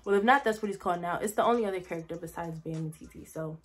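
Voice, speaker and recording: A woman's voice: lowish voice, very fast. Chatty young woman telling a story. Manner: chatty, rambling, heavy "like" fillers, addresses viewers as y'all. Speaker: vlogger. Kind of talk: casual storytime.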